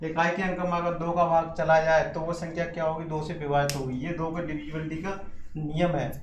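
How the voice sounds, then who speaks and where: A man's voice: a little high, level tone, fairly quick, highs cut off. A man teaching a lesson, with mixed in, often repeating points and asking questions he then answers himself. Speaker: maths teacher. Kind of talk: classroom maths lesson. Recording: echoey room with faint background hiss.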